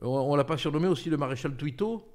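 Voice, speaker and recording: A man's voice: on the high side, lively intonation, quick pace, darkish tone. An older man hosting a political talk show, speaking emphatically with many fillers and restarts. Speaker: host, political commentator.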